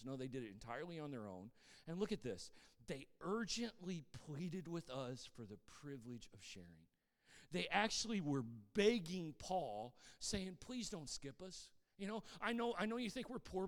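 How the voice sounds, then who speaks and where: A man preaching a sermon as pastor, animated, swinging between loud emphatic bursts and quieter, fast asides to the congregation. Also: fairly high pitch, in a large hall.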